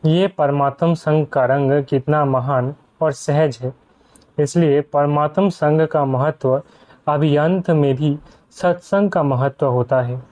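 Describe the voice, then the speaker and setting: A man's voice: on the high side, fairly even intonation, takes it slowly, darkish tone. A man giving a spiritual discourse to a gathered audience, often putting rhetorical questions to his listeners. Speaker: spiritual speaker. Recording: dull lo-fi recording.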